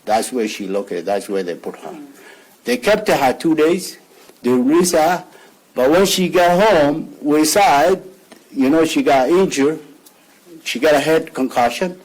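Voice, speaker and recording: A man from Somalia, speaking as a father at a press conference in halting English, often repeating words and restarting his sentences. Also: fairly high pitch, lively intonation, a little mellow, low-quality recording. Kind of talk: emotional press conference statement.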